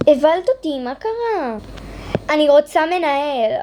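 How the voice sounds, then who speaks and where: אישה שמגלמת לקוחה צווחנית וכועסת. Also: female voice, high voice, lively intonation, mellow. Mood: angry. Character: angry demanding female shopper. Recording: noisy background hiss.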